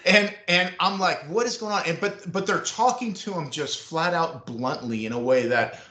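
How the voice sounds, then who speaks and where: Animated middle-aged man, roomy sound. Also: on the high side, normal speed. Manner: animated storyteller acting out quotes. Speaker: former school staff member, guest. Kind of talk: storytelling interview. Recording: roomy echo.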